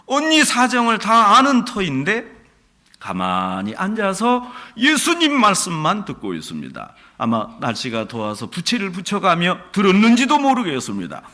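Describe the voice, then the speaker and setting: A male pastor preaching a sermon, telling stories in an animated way and acting out what people say. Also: high-pitched, normal speed. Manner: animated storytelling, acts out quotes.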